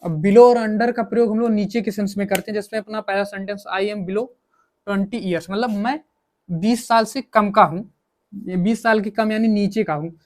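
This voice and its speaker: A man with a high voice teaches English grammar in a coaching lesson, explaining in Hindi with English examples. He speaks in a steady tone at a moderate pace, repeating himself and posing questions that he then answers himself.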